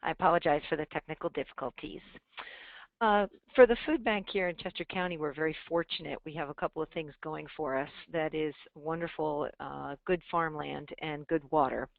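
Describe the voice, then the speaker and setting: A woman's voice: deep voice, steady tone, brisk, creaky, no echo. A woman calling in over the phone to a webinar as a panelist, explaining her food bank's programs step by step. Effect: heard over a phone line. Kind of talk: webinar presentation. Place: calling in remotely. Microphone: telephone. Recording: tinny dry phone line.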